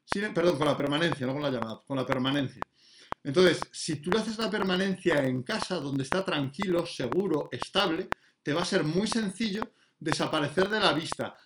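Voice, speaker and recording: A man's voice: fairly high pitch, moderate pace. Man explaining dog training casually. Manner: explanatory, many fillers and restarts. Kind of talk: casual spoken lesson. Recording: noticeable background noise.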